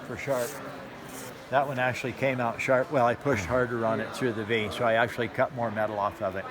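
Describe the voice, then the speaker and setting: A middle-aged man giving a casual, folksy live hands-on demonstration, explaining plainly and repeating himself for emphasis. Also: mid-range voice. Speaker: knife sharpening demonstrator. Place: large expo hall with concrete floor. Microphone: handheld camera a step or two away. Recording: noisy hall, handheld camera mic. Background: clear background noise of an expo hall.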